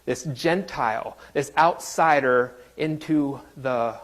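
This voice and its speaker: A man's voice: medium pitch, slow. A man preaching a sermon in a conversational, joking way, quizzing his congregation. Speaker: pastor.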